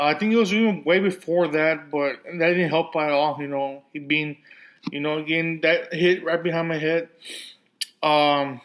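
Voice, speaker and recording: Hosting a casual solo podcast, a man rambles with lots of restarts and fillers, speaking with a lisp and a slight slur. His voice is a little high, and the recording quality is low.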